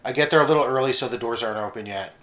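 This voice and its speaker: A man's voice: medium pitch, racing, a bit bright. Rambling, jokey young man. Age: young adult. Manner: rambling, jokey, swears, mimics people in quotes. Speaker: podcast co-host. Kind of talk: casual comedic chat.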